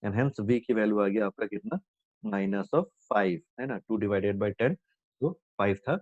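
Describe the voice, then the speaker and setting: Hindi physics teacher asking and answering himself. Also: male voice, lowish voice, moderate pace, darkish tone, no room sound. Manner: repeats "है ना" constantly, asks and answers own questions; mixes English terms into Hindi. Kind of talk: explaining problems on a board. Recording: dull lo-fi dry recording.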